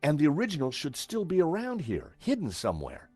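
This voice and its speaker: An actor playing a wry, curious American amateur sleuth in a video game, talking conversationally. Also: male voice, fairly high pitch, huge pitch swings, brisk, a little mellow, no room sound, soft background music. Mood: intrigued.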